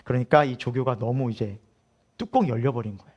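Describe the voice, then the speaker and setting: A middle-aged male pastor preaching a sermon, telling a story with laughter and acting out shouted quotes. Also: mid-range voice, fairly quick, muffled recording.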